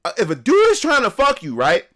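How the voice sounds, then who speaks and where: A man talking to his stream audience in a loose, casual rant. His voice sits high, and he swears freely and piles up repeated words as he presses his point. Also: wildly swooping pitch, a little fast, a bit bright. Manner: ranting, emphatic, swears a lot; repeats words and restarts as he builds up. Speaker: live streamer. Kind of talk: casual live-stream chat.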